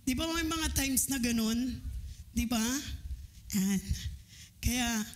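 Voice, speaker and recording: A woman preaching a sermon at a church service, sharing a personal testimony in an animated way, often laughing and sometimes breaking into shouts. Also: a little high, slow pace.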